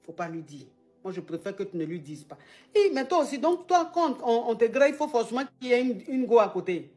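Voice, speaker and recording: A woman coaches a caller in an easygoing advice chat. She is animated and teasing, loops back over her own phrases, and drops street slang into her talk. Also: on the high side, fairly quick, soft background music. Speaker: advice show host, relationship coach.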